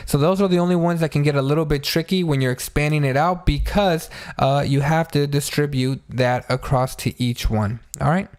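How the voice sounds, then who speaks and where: Male math tutor, voice a bit high, speaking through a painful sore throat; informal, step-by-step delivery, dry sound. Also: normal speed, hardly any pauses, smooth, dry recording. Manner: chatty, addresses listeners as friends, step-by-step explaining. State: sore throat, pained to talk after a blow to the throat. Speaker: math teacher.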